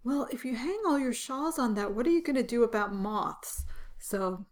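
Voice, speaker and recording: A woman with a slightly high, slightly scratchy voice co-hosts a casual podcast chat at a normal speed. Relaxed, she talks through the details and chuckles from time to time.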